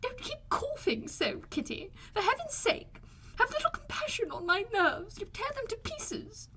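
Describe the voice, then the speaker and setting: Lady doing a fretful middle-aged mum from a novel, really high and shrill, swoops all over the place. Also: big pitch swings, normal speed, sharp tone, a little hiss or hum, exaggerated voice. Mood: exasperated. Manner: shrill, gushing, exclamatory. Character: excitable, fretful middle-aged mother, easily offended. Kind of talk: audiobook character voice.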